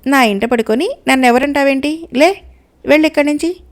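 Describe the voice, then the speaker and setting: A woman's voice: high-pitched, normal speed, natural voice. A woman voicing an angry small bird, in an indignant, scolding manner. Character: angry small bird demanding its home back.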